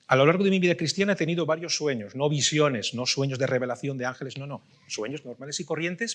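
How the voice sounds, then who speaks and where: A middle-aged man preaching a sermon, telling a story with loud bursts and soft asides. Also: on the high side.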